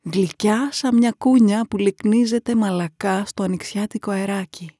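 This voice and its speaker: A woman reads a horror story in a hushed, dramatic way that often drops to a half-whisper. Her voice is husky and mid-pitched, and the recording is close and dry. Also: fairly even intonation, no echo. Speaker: narrator. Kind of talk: scripted horror narration.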